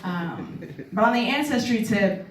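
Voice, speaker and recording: A woman's voice: mid-range voice, lively intonation, unhurried, far from the mic, noisy background. A woman from New doing a stand-up comedy set in a club, conversational and self-deprecating, teasing the crowd, a little tired. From New York City. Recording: roomy live club sound from off-mic. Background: audience laughter.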